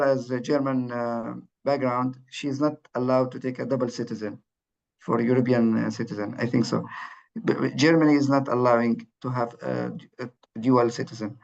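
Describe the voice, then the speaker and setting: Gravelly guy on a podcast panel, lots of uhs and restarts, dull lo-fi audio. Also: medium pitch. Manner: halting, full of fillers and restarts. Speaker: podcast guest. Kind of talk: conversational panel talk. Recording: dull lo-fi sound.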